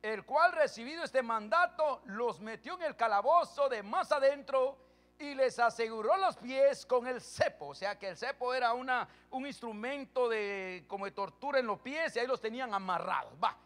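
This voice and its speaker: Speaking at an extremely high pitch, a man preaching as pastor starts with calm readings from the Bible. His sermon escalates into loud, forceful delivery with rapid questions aimed at the congregation.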